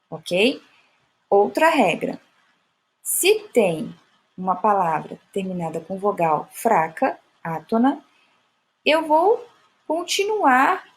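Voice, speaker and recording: A woman teacher giving a classroom lesson on poetic meter, patiently explaining and stretching out example words slowly. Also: mid-range voice. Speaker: Portuguese teacher.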